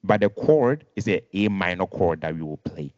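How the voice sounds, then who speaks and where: A man's voice: sits low, lively intonation, moderate pace, a little mellow, no echo. A man teaching a music lesson online, patient, repeating and rephrasing, counting notes aloud. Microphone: video call. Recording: dull lo-fi video call audio.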